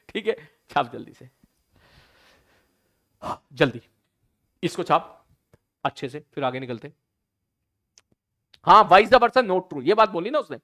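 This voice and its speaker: A man with a high, somewhat bright voice teaches a physics lesson online, chatting casually with students. He keeps checking whether they're following and slows way down to emphasize key sentences.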